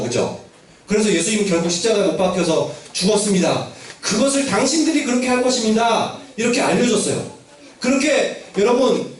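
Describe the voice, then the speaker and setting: A man's voice: sits high, far from the mic. A man telling a Bible story to children as their Sunday school teacher, asking them questions and acting out the characters' lines. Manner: asks children questions, acts out quotes. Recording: very echoey room, voice from afar.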